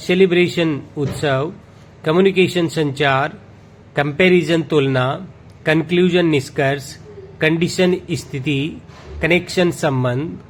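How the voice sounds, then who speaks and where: Man slowly reading a word list. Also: a little high, slight background noise. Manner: steady list-reading with self-corrections. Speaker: vocabulary teacher.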